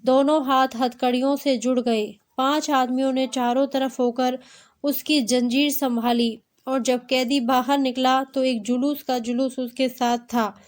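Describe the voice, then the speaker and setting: Slow high-voiced woman storyteller. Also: fairly even intonation. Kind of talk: story reading.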